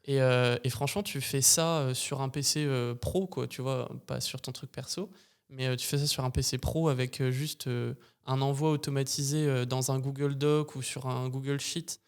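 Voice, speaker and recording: A man's voice: mid-range voice, moderate pace, clear, resonant tone. Slangy, chatty man hosting a podcast. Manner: animated storytelling, slangy, frequent fillers. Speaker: podcast host. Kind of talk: casual chat.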